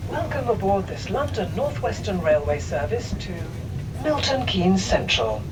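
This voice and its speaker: A woman's pre-recorded train announcement played over a loudspeaker, with a clear, measured delivery. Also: medium pitch, sing-song. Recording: distant train loudspeaker with train noise.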